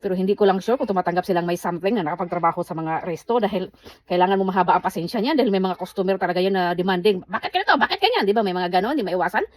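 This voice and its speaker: Fast-talking woman, animated storytelling. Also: fairly low pitch. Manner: animated storytelling, acting out quoted dialogue. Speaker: vlogger. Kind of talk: casual storytime vlog. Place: indoors, under a blanket.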